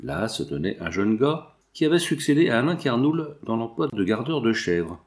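A man's voice: medium pitch, big pitch swings, normal speed. A man narrating a classic French novel as an audiobook reader. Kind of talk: scripted narration.

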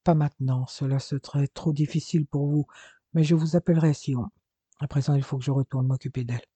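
A man voicing a gentle male doctor who delivers bad news quietly and soberly. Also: fairly high pitch, steady tone, a little fast, breathy edge, dry recording. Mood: grave gentle. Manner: quiet, sombre and careful.

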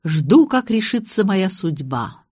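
A woman's voice: mid-range voice, sing-song, mellow, husky, dry recording, studio quality, exaggerated voice. A woman doing a hammy old actor. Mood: theatrical. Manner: theatrical, declaiming, slow. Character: pompous elderly man, ham provincial actor.

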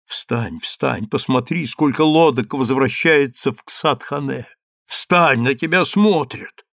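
A man's voice: mid-range voice, takes it slowly, vocal fry, a bit bright, no echo, clean studio sound. A man voicing a stern, grieving mother who presses her daughter for the truth in a storybook reading. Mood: insistent. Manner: stern and insistent. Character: stern grieving mother, commanding then pleading.

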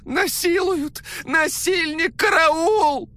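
A man's voice: very high voice, very slow, pushed and bright, pitched above the performer's own voice, exaggerated voice. A man reading a story aloud, voicing a hysterical, scheming young woman who shrieks, wails and lisps through a broken nose. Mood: shrieking.

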